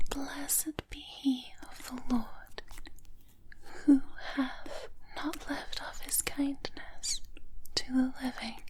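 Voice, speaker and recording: A woman reading scripture in a soft, breathy ASMR whisper, slowly and evenly, doubled with layered whispers. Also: high voice. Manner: slow, hushed, even delivery.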